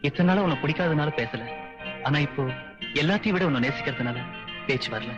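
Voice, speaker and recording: Earnest young male student, played by a man, dull film audio under loud score. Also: fairly high pitch, animated, brisk, music in the background, close to an everyday voice. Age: young adult. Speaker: college student. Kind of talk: 1990s film drama acting.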